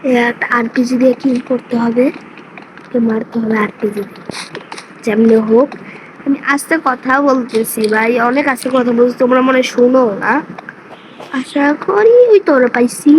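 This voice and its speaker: A woman giving chatty, excitable gameplay commentary and talking to her viewers. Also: high-pitched. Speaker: gaming streamer. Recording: noisy background hiss.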